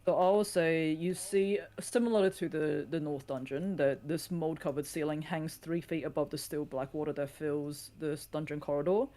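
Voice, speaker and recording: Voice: mid-range voice, steady tone, moderate pace, hardly any pauses, dark tone. Casual game master narrating a scene.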